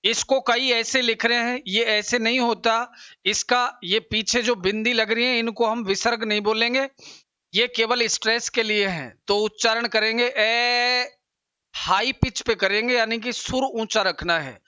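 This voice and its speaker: A man teaching an English exam-prep lesson, explaining slowly and repeating pronunciations for his students. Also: very high-pitched, steady tone, bright, forceful tone, smooth, no echo, lo-fi sound.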